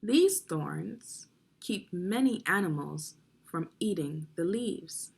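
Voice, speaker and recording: A woman with a lowish, gravelly, slightly rough voice reads children's nonfiction aloud at a slow, animated pace. She acts as a read-along narrator and reading teacher, instructing young listeners and asking them guiding questions.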